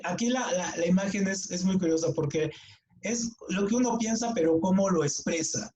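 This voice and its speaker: A man's voice: high-pitched, a little mellow, slight background noise, rough recording. Chatty Mexican man teaching a class. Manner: casual, chatty, frequent restarts and repeated words. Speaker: writing workshop teacher. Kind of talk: online class lecture.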